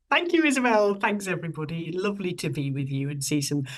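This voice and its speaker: A woman's voice: on the low side, lively intonation, a little fast, a bit bright. A woman guest speaker introducing herself on a church webinar in a friendly, chatty way. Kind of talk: webinar talk.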